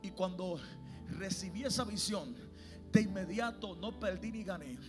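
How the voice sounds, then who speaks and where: A male evangelist preaching an impassioned sermon to a church congregation, swinging between hushed and shouted delivery. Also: high-pitched, normal speed, music in the background.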